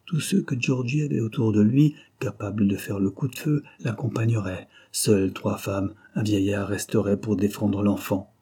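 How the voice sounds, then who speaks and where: A man reads a novel aloud with expressive storytelling. His voice is low, dark and husky. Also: normal speed, few pauses. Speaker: audiobook reader. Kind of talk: scripted narration.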